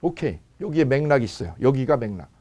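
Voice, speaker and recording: A man's voice: medium pitch, big pitch swings, fast talker, darkish tone. A man teaching a law lecture for exam prep, firing rhetorical questions and repeating key phrases.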